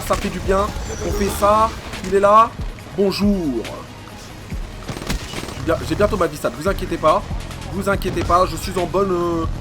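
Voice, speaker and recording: A man giving excitable, slangy live commentary over his own gameplay as a YouTuber, swearing often and talking at his opponents. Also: high voice. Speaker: gaming YouTuber.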